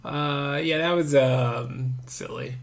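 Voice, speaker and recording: Slow, hesitant man co-hosting a podcast. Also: medium pitch, fairly even intonation, gravelly, over a noisy crowd. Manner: hesitant, lots of fillers. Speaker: podcast co-host. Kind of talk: casual chat.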